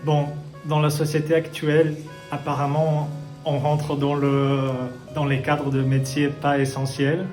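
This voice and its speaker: A man's voice: on the high side, completely flat delivery, measured pace, a little mellow. A Brazilian jazz musician, a man, answering interview questions thoughtfully, with frequent hesitations and restarts. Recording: echoey room with faint music.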